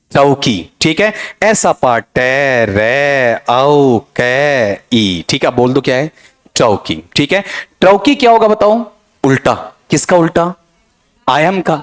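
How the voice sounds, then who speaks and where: A man teaching a classroom lecture, constantly questioning his students and checking that they follow. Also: medium pitch. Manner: animated, questioning students constantly, repeats "theek hai?".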